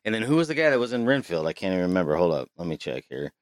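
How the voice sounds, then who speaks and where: A man's voice: low-pitched, very animated, very fast, no room sound, clean studio sound. A man co-hosting a podcast, chatting casually and swearing freely with many restarts, recorded inside a small closet. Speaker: podcast co-host. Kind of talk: casual chat.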